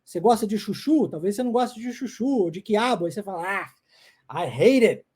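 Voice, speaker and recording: A woman's voice: medium pitch, quick pace, warm tone, husky. A woman with a Brazilian Portuguese accent giving an online English lesson, drilling phrases by repetition and often checking in with her listeners. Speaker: English teacher.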